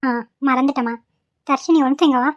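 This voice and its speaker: A bossy middle-aged aunt in a cartoon, voiced by a woman talks loudly to herself and scolds. Her speech is quick and high, with a dry, close sound. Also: steady tone, no room sound, natural voice. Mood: suspicious.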